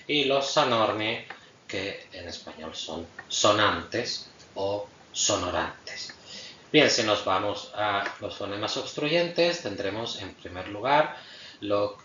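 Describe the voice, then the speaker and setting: A man's voice: fairly low pitch, a bit bright, echoey room. Male lecturer, native Spanish speaker, hesitant with fillers; muffled, distant mic with light background noise. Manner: patient, pauses often with fillers. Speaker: language teacher. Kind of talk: explanatory lecture.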